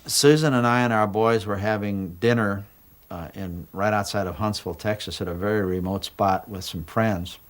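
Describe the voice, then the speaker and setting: An older man recalling the past in a documentary interview, plain-spoken with halting restarts. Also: lowish voice. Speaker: interviewee, former astronaut.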